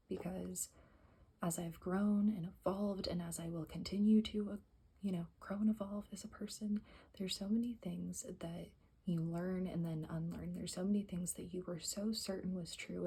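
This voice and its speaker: A woman whispering softly in an ASMR style, reading aloud and rambling with self-correcting asides. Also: fairly low pitch, vocal fry, breathy edge. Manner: whispering and very soft-spoken. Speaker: ASMR creator. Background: faint music playing for plants, background hiss.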